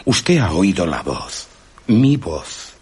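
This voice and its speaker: An actor playing an invisible man who talks calmly and curtly, with a menacing edge, in a radio drama. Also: deep voice, takes it slowly, slightly rough, heavily acted. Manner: calm, curt, menacing. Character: invisible man, impatient and commanding.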